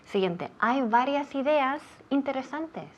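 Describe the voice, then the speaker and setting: A woman's voice: high voice, expressive, takes it slowly. A woman teacher from running a bilingual English lesson, patiently repeating words for pronunciation drills. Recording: dull lo-fi sound.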